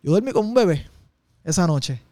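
Guy telling his story, intense and slangy, kinda high voice. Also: lively intonation, fairly quick, darkish tone, no room sound. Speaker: interview guest. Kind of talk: personal testimony in conversation.

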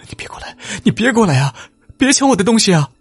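A man's voice: very animated, quick pace, breathy edge, no echo, faint music behind, full character voice. A man doing a terrified young peasant boy. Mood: pleading, tearful. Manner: high, tearful begging. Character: timid young male peasant, pleading and terrified.

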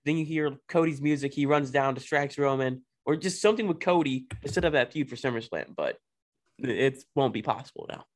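A man co-hosting a casual podcast chat, playful and quick to riff on a joke. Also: medium pitch. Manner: lively, playful, riffs on bits. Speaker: podcast co-host.

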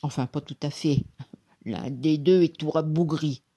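Hulking male forest genie, husky and grumbling, a greedy bully at heart a coward, voiced by a storybook reader. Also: mid-range voice, steady tone, unhurried, mellow. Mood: gloating. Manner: grumbling, then whimpering and pleading. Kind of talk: storybook character voice.

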